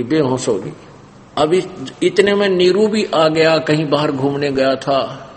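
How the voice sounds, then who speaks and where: A man's voice: medium pitch, darkish tone, long reverb tail, slight background noise. A man telling a devotional story in a sermon, acting it out dramatically. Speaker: preacher.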